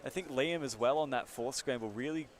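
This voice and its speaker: A man calling a live competition at a medium pitch. He talks in a chatty, bantering way, slipping into slang and jokes between the action. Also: fairly quick. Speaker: commentator. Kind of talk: live event commentary.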